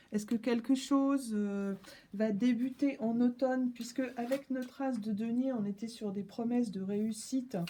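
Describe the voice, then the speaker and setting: A woman's voice: a little high, dark tone. Chatty woman reading tarot cards. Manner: chatty, playful, addresses viewers directly. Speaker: tarot reader. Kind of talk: casual live tarot reading. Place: at home.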